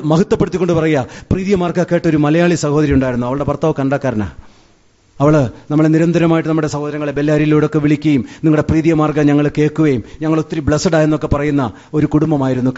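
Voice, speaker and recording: A man preaching a sermon in a fairly high voice, switching between his own language and English phrases. He climbs to emphatic peaks and drops low again. The recording sounds dull and lo-fi. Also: warm tone. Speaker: pastor.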